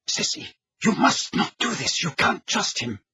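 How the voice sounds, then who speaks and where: A man's voice: sits high, huge pitch swings, unhurried, bright, forceful tone, breathy edge, no echo, voice pushed up, full character voice. A man reading an audiobook, voicing a fierce, contemptuous adult witch who pleads urgently with her sister. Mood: pleading.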